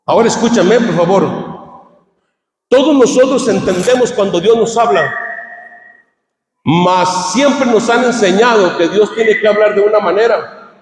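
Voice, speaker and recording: A man preaching a fervent sermon as pastor, swinging between shouted climaxes and quiet asides. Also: sits high, unhurried, pauses often. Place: church hall. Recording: echoey church hall.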